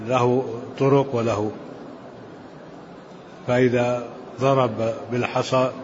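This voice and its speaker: A man teaching a lesson. He explains a text slowly and asks the reader short questions. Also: medium pitch. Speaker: sheikh teaching the book. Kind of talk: lecture commentary on a text. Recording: dull lo-fi recording with faint hiss.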